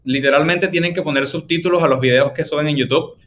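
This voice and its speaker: A man with a Venezuelan Spanish accent hosts a casual podcast chat, explaining his ideas through long everyday examples. His voice is a little high and a bit bright, with a steady tone and a quick pace. There's slight background noise.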